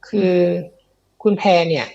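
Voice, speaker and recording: A man's voice: unhurried, a little mellow, lo-fi sound. A man telling a ghost story in a casual, chatty way, with many fillers and repeats, on a live show. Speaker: guest storyteller of ghost stories.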